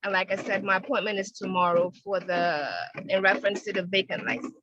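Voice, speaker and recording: A woman calling in by phone from outdoors, testifying at a hearing in a hesitant, halting way as the line crackles and fades in and out. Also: medium pitch, fairly even intonation. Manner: hesitant, halting, many restarts. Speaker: property owner appealing a violation. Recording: dry, muffled phone line.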